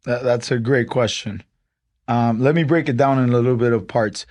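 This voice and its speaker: A young startup co-founder from Honduras appears as a guest in a casual podcast interview, speaking at an ordinary medium pitch and a moderate pace. He walks through his explanations step by step in a relaxed manner, dropping plenty of "um" and "like" between points.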